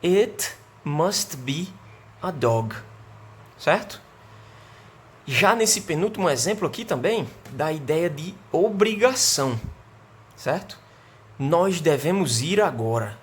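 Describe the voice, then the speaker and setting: A man's voice: a little high, a little hiss or hum. Brazilian man teaching a remote English lesson. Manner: explanatory, slows down to model example sentences.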